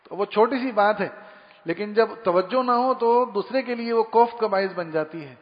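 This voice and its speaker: Speaking in an easy, conversational storytelling style, an Islamic preacher with a high-pitched voice talks about manners and imitates little sounds for effect. The audio is dull and muffled, and his voice echoes with a long, hall-like reverb.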